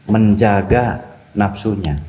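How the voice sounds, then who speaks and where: A man talking as a spiritual teacher on a podcast, animated and preachy, repeating key phrases for emphasis. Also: on the low side, slow, low-quality recording. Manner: acts out quoted voices. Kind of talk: podcast religious talk.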